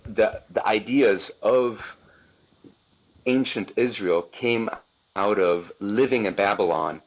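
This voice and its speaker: A man from Poland calling into a live stream, asking an earnest, curious question in a halting way. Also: lowish voice, slight background noise. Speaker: caller. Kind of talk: casual chat. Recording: dull lo-fi audio.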